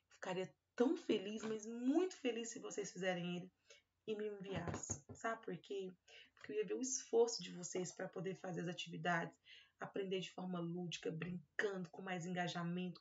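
Woman, Brazilian accent, kindergarten teacher, remote lesson, drawn-out syllables, medium pitch, muffled lo-fi sound. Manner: drawn-out syllables and fond little-word talk to children. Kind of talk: recorded remote class for young children. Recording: lo-fi recording.

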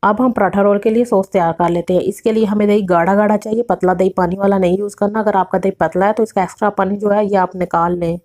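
A woman narrates a home cooking recipe in a voice-over. She walks through each step in order and names exact quantities as she goes. Her pitch sits in a middle range. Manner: steady step-by-step instructions with measured quantities. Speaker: cooking channel host.

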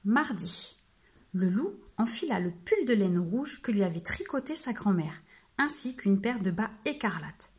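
A woman telling a storybook to young children, reading in a gentle, slow voice. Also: medium pitch, sing-song.

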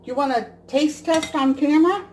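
Speaking at a moderate pace, this woman has a high-sitting voice with a darkish tone. She's in her forties, from the US Midwest, casually explaining a recipe step by step as she cooks in her home kitchen, recorded by a camera mic at the counter with slight background noise.

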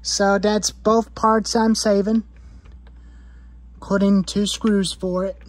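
A woman's voice: mid-range voice, level tone, takes it slowly. A woman in her twenties, rambling about saw parts, repeating herself and listing items in a cluttered garage. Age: 20s. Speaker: chainsaw hobbyist vlogger. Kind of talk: rambling show-and-tell in a workshop.

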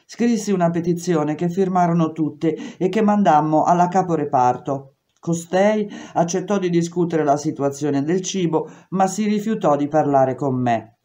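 A woman reading a memoir aloud in steady, measured first-person narration. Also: lowish voice. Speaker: reader.

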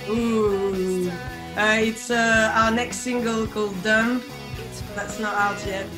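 A young French band singer is interviewed casually over video call, talking slowly in a French accent with a medium pitch and fairly even intonation. She is in an indoor room by a window, and the recording picks up roomy echo along with background music.

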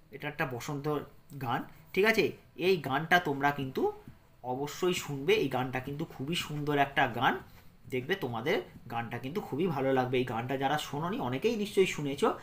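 A man from teaching young children to read. He spells words out slowly letter by letter and keeps checking in with them. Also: a little high, a bit bright. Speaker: primary school teacher. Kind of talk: children's reading lesson.

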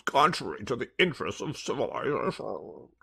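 A man in his fifties, voice very animated, slightly rough and edged with vocal fry, rants into a headset mic at a moderate pace. The podcast host is angry, sarcastic and profane, swinging from low mutters to loud outbursts in his impassioned solo talk to camera from a small room with a plain wall.

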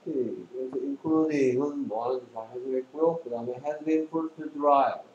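A man's voice: medium pitch, measured pace, darkish tone, roomy sound, muffled recording, a little hiss or hum. A man tutoring English one-on-one, quizzing his student and joking bluntly, in a casual lesson. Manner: teasing, quizzing, blunt slang.

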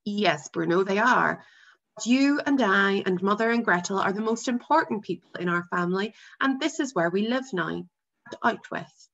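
Woman reading a stern father, measured and firm, dull lo-fi sound. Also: medium pitch, lively intonation, vocal fry, fairly bright tone. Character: stern, patient father, a senior officer. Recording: dull lo-fi recording.

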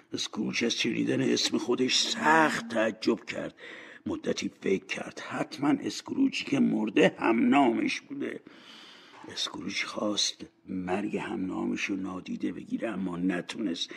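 Gravelly, husky male storyteller. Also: on the low side. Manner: hushed, ominous storytelling. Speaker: audiobook narrator. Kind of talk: dramatized storybook narration.

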